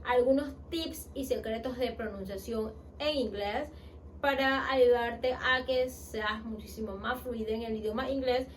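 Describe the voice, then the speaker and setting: Slow-paced Latin American woman teaching. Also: a little high, slight background noise. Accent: Latin American Spanish. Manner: explains patiently, models English phrases slowly and repeats them. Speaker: English teacher. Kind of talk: online language lesson.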